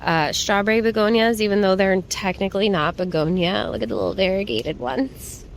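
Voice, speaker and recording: A woman's voice: medium pitch, a little fast, a little hiss or hum. A woman chatting casually to viewers in a shopping haul vlog, informal and rambling as she browses and remarks on items. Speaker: plant shopping vlogger. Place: plant shop.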